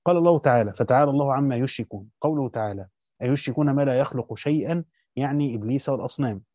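An Egyptian teacher with a dark, mid-range voice reads a Quran commentary in classical Arabic at a fast pace, then breaks into colloquial comments in Egyptian Arabic. The recording is dry and lo-fi.

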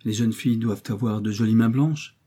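Kindly old squire played by a man, fatherly, courtly, mellow husky voice. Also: lowish voice, brisk. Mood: fond. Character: kindly older country squire, fond uncle.

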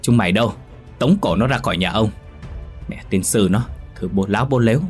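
A cruel, greedy old landlord bellowing in a harsh, domineering voice, as a male storyteller puts him on. The voice sits very low, and soft music plays under the audio-story reading. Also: fairly quick, lightly acted. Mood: shouting angrily.

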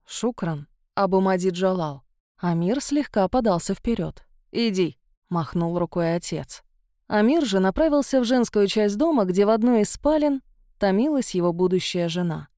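A woman reads an audiobook in an expressive storytelling manner. Her voice is mellow and middle in pitch, recorded close on a dry mic. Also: moderate pace, dry recording. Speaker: narrator. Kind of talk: audiobook narration.

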